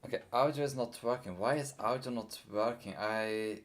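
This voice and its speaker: On a casual live coding stream, a young man talks at medium pitch and normal speed, his voice worn and tiring. He mutters to himself and drifts off between thoughts.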